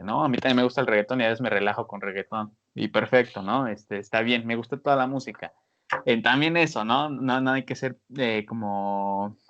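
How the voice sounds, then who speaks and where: A man giving casual advice on a podcast, animated, with many fillers. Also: medium pitch. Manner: animated, many fillers, acts out scolding voices. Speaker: podcast panelist. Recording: dull lo-fi sound.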